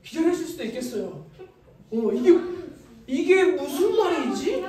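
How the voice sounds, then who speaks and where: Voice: high-pitched, measured pace. 어린이 예배 전도사, 장난스럽고 생기 있게 설교, 높은 목소리. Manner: playful, animated, acts out scenes. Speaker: children's ministry preacher. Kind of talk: children's sermon with questions to kids. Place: church, children's worship service. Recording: very echoey hall, distant mic.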